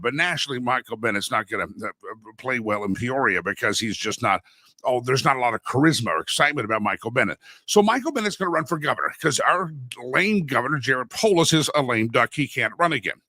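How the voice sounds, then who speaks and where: A male host of a casual political show talks in a chatty, folksy style with many tangents, sounding congested and a bit sore from a head cold. His mid-range voice swings widely in pitch, moving briskly with a pushed, bright quality. The studio-mic recording is dry.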